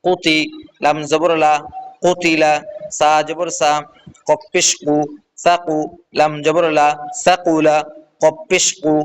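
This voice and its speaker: A man teaching Quran reading, chanting letter sounds and syllables in a steady, drilled rhythm. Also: on the high side, takes it slowly, pauses often, clean tone, poor audio. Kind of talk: slow recited Arabic letter drill.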